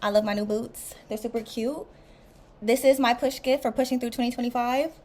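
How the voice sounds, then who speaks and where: A young woman, chatting excitedly through a casual unboxing vlog and calling her viewers y'all. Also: a little high, brisk. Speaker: vlogger.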